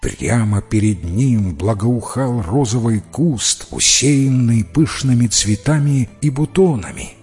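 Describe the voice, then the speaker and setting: Man reading a fairy tale aloud, lively expressive pitch, slightly husky, faint music behind. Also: slow, few pauses. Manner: expressive storytelling. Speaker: narrator. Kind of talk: fairy-tale audiobook narration.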